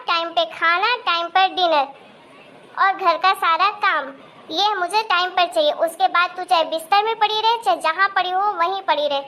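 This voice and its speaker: A woman's voice: very high voice, pushed and bright. A woman voicing a cruel, two-faced young daughter-in-law who talks in a sneering, bossy way in a family drama. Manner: sneering and bossy, turns sweet and whiny before her husband. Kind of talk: amateur Hindi family-drama acting.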